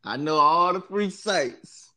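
A man's voice: fairly high pitch, expressive, slow pace, pushed and bright. A young man chatting casually as a co-host, slangy and joking, in the easy manner of a guy talking with his bros. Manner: laid-back bro talk, slangy, joking.

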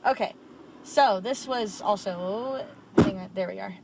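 A woman's voice: mid-range voice, measured pace, vocal fry, heavy background noise. A young woman co-hosting a podcast, telling stories candidly and swearing freely in casual chat. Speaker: podcast co-host.

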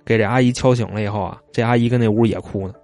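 A man's voice: lowish voice, fairly even intonation, very fast, darkish tone, faint music behind. A man, telling stories in a casual chat, retelling them loosely with asides. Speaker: storyteller.

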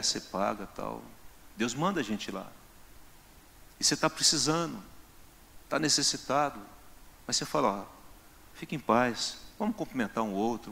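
Male pastor, gravelly mid-pitched voice, acts out scenes in his sermon, loud then hushed. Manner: acts out dialogue, swings between loud and hushed.

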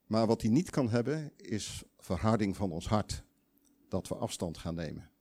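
A man's voice: on the low side, lively intonation, moderate pace, a little mellow. Emphatic preacher man. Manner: conversational, emphatic, with quoted voices and restarts. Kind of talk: sermon with audience questions.

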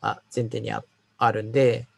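Male designer, halting casual talk, raspy texture. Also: on the low side, flat delivery, no echo. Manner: hesitant, many fillers and stumbles. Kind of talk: casual work conversation.

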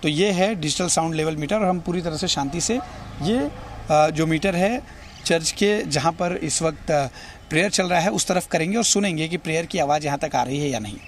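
A man with a voice on the high side reports at a moderate pace from a noisy urban street full of traffic. The television field reporter addresses viewers directly, explaining and pointing things out.

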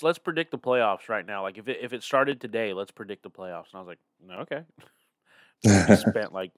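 Recovering from a cold, a young podcast co-host chats casually in a fairly low voice, tired, yawning, rambling and laughing often. The sound is studio quality with no room tone.

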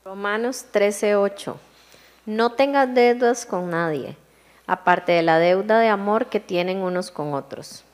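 A woman reads Bible passages aloud during a church service. Her voice sits at a middle pitch. Her reading is steady and measured. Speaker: scripture reader.

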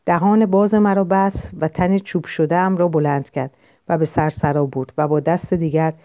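A woman narrates a novel in the first person, reading in a measured, literary way. Her voice sits low. The recording is dull and lo-fi, close and dry, with no room echo. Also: steady tone, warm tone. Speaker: audiobook narrator.

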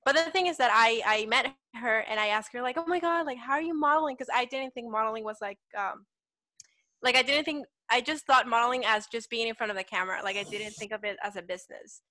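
Bright-voiced Salvadoran-accented young woman. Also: fairly high pitch, fast talker, dry recording. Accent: Salvadoran Spanish. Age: 20s. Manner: chatty, uses "like" often. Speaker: guest, petite model. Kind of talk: casual interview chat.

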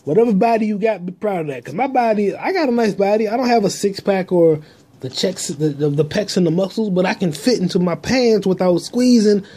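Brief: male podcast host, mellow husky tone, crude rambling talk into a handheld phone. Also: high voice, lively intonation, a little fast. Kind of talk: casual solo monologue. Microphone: phone held in hand.

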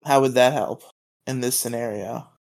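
A man's voice: medium pitch, fairly even intonation, moderate pace, darkish tone. Rambling, stammering male podcast co-host. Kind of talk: casual chat.

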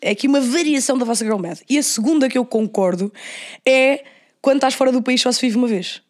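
A young woman with a European Portuguese accent chats at a rapid pace in a fairly high voice. She co-hosts casually, with slang and English phrases mixed in. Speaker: podcast co-host. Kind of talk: casual chat.

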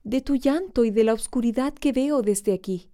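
A woman voicing a small, timid and tender boy who speaks softly and pleadingly in a storybook reading. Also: fairly high pitch, moderate pace, voice pushed up, lightly acted.

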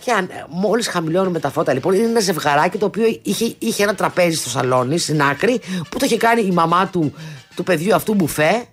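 A woman's voice: on the low side, lively intonation, soft background music. Rambling woman storyteller in her fifties. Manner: rambling storyteller with many restarts and asides. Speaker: radio show co-host. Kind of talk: casual chat, storytelling.

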